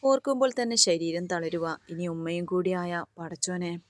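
A woman reads a romance story aloud in a calm, even storytelling manner. Her voice is low and sits close to the mic. The recording is dry, with no room sound. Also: moderate pace, no room sound. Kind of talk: scripted romance story narration.

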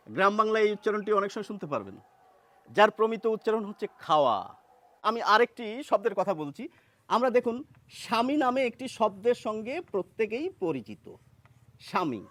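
A man explains a point of grammar as a patient teacher. He poses rhetorical questions and says example words slowly, pausing with small fillers. The sound is dry and close, with no room echo. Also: extremely high pitch, bright, forceful tone. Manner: hesitant fillers while thinking. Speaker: language teacher. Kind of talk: explanatory lesson to camera.

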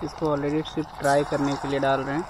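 Young male camping vlogger talking in the open forest: a bit high and even, with faint hiss behind. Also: fast. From India. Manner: chatty, addresses viewers as guys. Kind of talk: casual vlog narration. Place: outdoors in a forest.

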